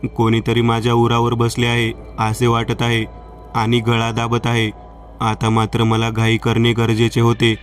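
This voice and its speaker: A man narrating a horror story and reading the dialogue of two friends in a steady storytelling manner. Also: mid-range voice, a little slow, recorded from a distance, faint music behind.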